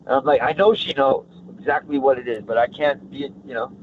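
A man's voice: medium pitch, fairly quick. A man, an actor guest, telling rambling, profane stories in casual chat. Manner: rambling, profane, animated anecdotes. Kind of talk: casual storytelling. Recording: tinny phone-like line, noisy.

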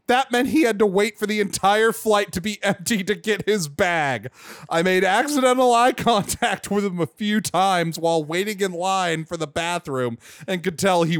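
A man co-hosting a comedy podcast, reading a listener's story aloud and shouting the quoted lines. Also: high-pitched, dry recording, clean studio sound.

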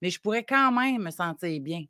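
Hoarse Quebec French parenting coach. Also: female voice, fairly low pitch, expressive, normal speed, pushed and bright, dry recording, clean studio sound. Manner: reflective, explains step by step. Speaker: parenting coach, regular guest. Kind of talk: casual radio chat.

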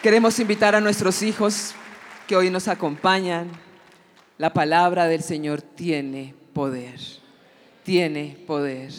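A woman giving an emotional church testimony, telling her story in an animated way and acting out the dialogue. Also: lowish voice, a little slow, slight background noise. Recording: long hall reverb.

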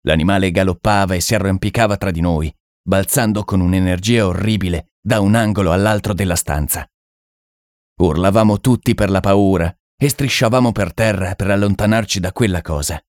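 A man narrating a horror story in a measured, dramatic audiobook reading. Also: sits low, dry recording, studio quality.

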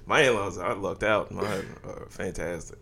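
A man's voice: low voice, normal speed, gravelly, bright, forceful tone, breathy edge. A man who is a comedian guesting on a podcast, chatting casually with wry jokes. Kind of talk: casual joking chat.

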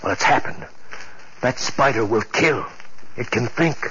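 An actor playing a grave, secretive male scientist in an old radio show drama, speaking in a hushed, tense way. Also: mid-range voice, unhurried, background noise. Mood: grim. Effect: old radio show recording. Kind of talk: 1950s radio drama acting. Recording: muffled old radio recording, faint music.

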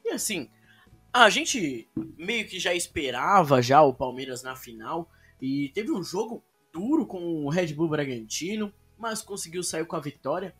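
A man's voice: a little high, big pitch swings, measured pace, fairly bright tone, slightly rough, soft background music. A Brazilian man hosting a football podcast in a casual conversational style. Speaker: podcast host.

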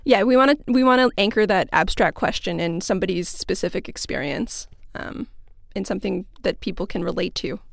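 Woman cohost, lively, bit high and gravelly, dry close sound. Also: brisk, dry recording. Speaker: podcast co-host. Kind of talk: casual chat and scripted narration.

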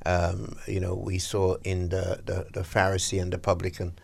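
Deep gravelly man hosting breakfast radio. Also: completely flat delivery, normal speed. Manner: chatty, preacherly, lots of agreeing yeahs. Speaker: radio show host. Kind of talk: casual on-air chat about faith.

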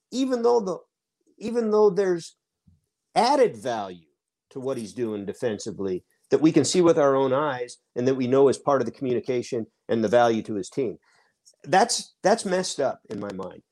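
A middle-aged baseball writer from Seattle, USA, speaks on a sports talk podcast in a slightly high, slightly mellow voice. He makes his case emphatically and argues his point at length.

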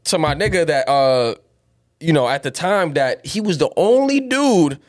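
A man's voice: on the high side, animated, measured pace, no echo. Slangy, rambling man, dry close sound. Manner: slangy, rambling, bro-heavy talk. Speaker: music producer. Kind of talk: casual chat.

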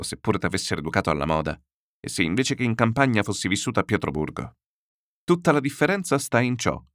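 A man doing a sly fussy gentleman. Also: sits low, dry recording, clean studio sound. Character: scheming, fussy male gentleman buyer, wary and sly.

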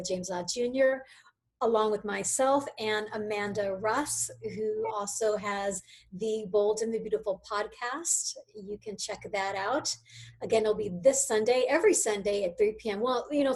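A woman's voice: mid-range voice, a little mellow, slightly rough. A woman hosting a casual chat show about daytime soaps, bubbly and upbeat. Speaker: show host.

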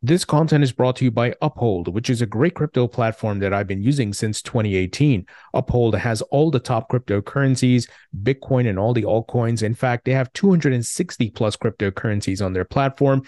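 A man's voice: medium pitch, moderate pace, few pauses, mellow, no room sound, studio quality. A man hosting a crypto podcast, reading a sponsor spot and greeting his guest in a friendly, upbeat way. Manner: upbeat and friendly, some fillers. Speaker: podcast host. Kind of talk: podcast interview and read ad.

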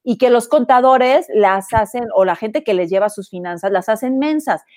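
A woman's voice: a little high, moderate pace, no echo, studio quality. A woman with a Mexican accent chatting casually as co-host, telling stories and acting out the dialogue. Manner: animated storyteller, acts out dialogue. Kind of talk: casual gossip chat.

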